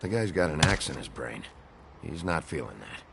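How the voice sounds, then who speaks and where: An actor playing a gruff, world-weary wolf-man lawman in a video game, terse, tough and restrained, with a deep gravelly voice. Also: big pitch swings, moderate pace, very noisy, exaggerated voice. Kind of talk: video game character acting.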